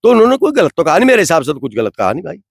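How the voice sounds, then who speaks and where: Brief: fired-up man, high voice, dry sound, rhetorical and indignant. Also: huge pitch swings, very fast, breathy edge, dry recording. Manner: rhetorical, indignant, repeats "bhai". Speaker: interviewee from the community. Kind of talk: impassioned street interview.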